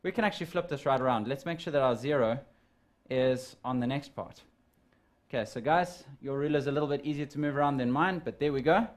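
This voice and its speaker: A man of ordinary pitch teaches a live science lesson to students at home. He talks them through each step of a calculation in a casual, friendly classroom way. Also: fairly quick. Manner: step-by-step explaining, addresses students as guys.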